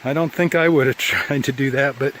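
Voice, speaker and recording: A man's voice: mid-range voice, steady tone, a little fast, a bit bright, slight background noise. A tired man filming himself at the end of a long hike outdoors, talking in a rambling, self-correcting, plain way as a casual trail diary. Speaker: hiker filming a trail vlog.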